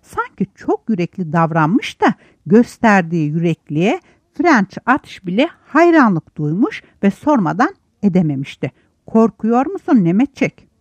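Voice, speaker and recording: A woman narrating an audiobook chapter with expressive, animated storytelling. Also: mid-range voice, unhurried, slightly rough, no room sound, muffled recording. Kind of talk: scripted narration.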